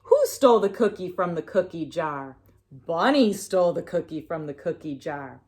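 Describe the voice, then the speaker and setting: A woman reads a picture book aloud to young children in an expressive, sing-song way, stopping now and then to prompt her listeners. Her voice is lowish.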